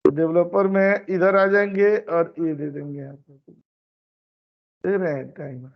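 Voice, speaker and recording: A man's voice: a little high, steady tone, measured pace, gravelly. A man teaching an online class, explaining step by step and repeating his phrases. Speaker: instructor. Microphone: computer mic on a video call. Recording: dull lo-fi meeting recording.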